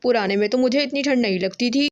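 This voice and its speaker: Woman playing a complaining cartoon crow husband, high, grumbling. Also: fast talker, dull audio, natural voice. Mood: puzzled.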